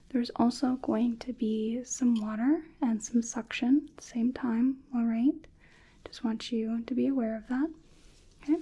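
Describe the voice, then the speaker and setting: Slow whispering woman, breathy and mellow. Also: on the high side, poor audio. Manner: soft whisper, slow and reassuring, checks in with "okay?". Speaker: ASMR creator playing a dental hygienist. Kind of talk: whispered ASMR roleplay. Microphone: close sensitive mic.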